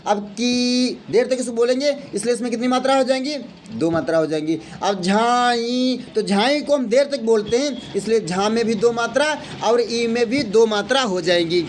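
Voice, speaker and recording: High-voiced man teaching, counting aloud. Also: normal speed, a little hiss or hum. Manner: explains step by step, counting aloud and asking then answering his own questions. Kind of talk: Hindi grammar lesson.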